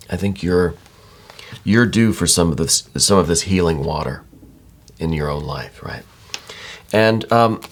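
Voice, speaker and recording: A man giving a conversational, reassuring tarot reading in the manner of a psychic hotline, speaking directly to the listener. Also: low-pitched. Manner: reassuring, addresses listener directly, frequent check-in tags. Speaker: tarot card reader.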